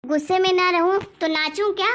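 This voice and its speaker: A woman voicing a scolding, self-pitying grandmother in an animated family story. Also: very high-pitched, a little fast. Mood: indignant.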